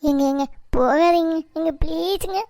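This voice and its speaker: A woman's voice: extremely high pitch, measured pace, vocal fry, a little mellow, heavily acted. A woman voicing a meek young wife in a cartoon, hesitant and pleading. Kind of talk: cartoon voice acting.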